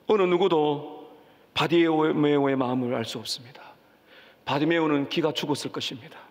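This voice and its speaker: A male pastor preaching a sermon with passion, rising to loud cries as he voices the pleas, recorded in a church sanctuary. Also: fairly high pitch, moderate pace. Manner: impassioned, rising to cries when voicing pleas. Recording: church hall reverb.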